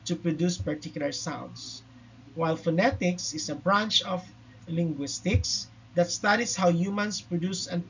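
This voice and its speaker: A man's voice: high-pitched, a little hiss or hum. A man teaching a linguistics lecture, explaining step by step and checking in with "no?" and "okay?" tags. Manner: explanatory, with frequent "no?" and "okay?" check-ins and "uh" fillers. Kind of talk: recorded lecture. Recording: dull lo-fi recording.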